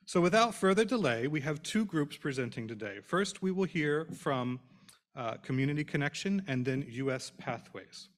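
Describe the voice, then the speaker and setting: A man introducing a scholarship program at a podium in an auditorium, speaking in a formal, measured way with phrases trailing off. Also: a little high, animated. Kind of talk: prepared speech at a podium. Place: auditorium stage. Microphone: podium microphone.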